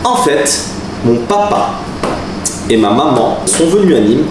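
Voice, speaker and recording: With a mid-range voice and a measured pace, this southern French man in his forties chats to the camera, laughing often and throwing in lively asides as he tells casual stories. He's a vlogger and taekwondo master, filmed in a room with a crew, where the distant mic picks up a roomy sound and background noise.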